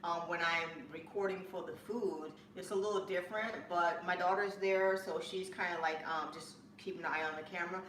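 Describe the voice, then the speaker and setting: A woman hosting a home cooking live stream, chatting in a rambling way with bursts of excitement, from her kitchen. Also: on the low side, fairly quick, hardly any pauses. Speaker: cooking channel host. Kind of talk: casual live-stream chat. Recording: echoey room, mic at a distance, faint room noise.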